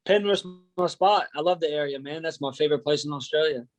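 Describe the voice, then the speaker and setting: An American wrestling coach is the guest in a casual interview, chatting in an easygoing, joking way and using slang. His voice is fairly high-pitched and his pace is quick.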